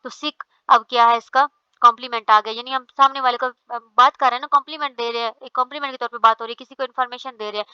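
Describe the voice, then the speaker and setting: Bright, crisp woman lecturing step by step. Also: a little high, fairly even intonation, very fast, dry recording, muffled recording. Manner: explains step by step, often says "theek hai". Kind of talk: explaining a lecture.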